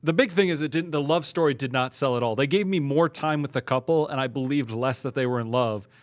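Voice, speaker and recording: A man co-hosts a laid-back podcast, trading casual talk with his partner. He often chimes in with short agreeing replies. Otherwise he gives his own opinions in a relaxed, conversational way. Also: mid-range voice. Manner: agreeable, backs up his co-host with quick replies. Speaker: podcast co-host. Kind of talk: casual chat.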